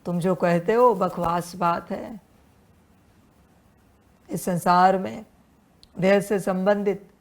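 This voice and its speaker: A woman giving a devotional sermon as a spiritual teacher, admonishing her listeners as children with repeated refrains and rhetorical questions. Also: medium pitch.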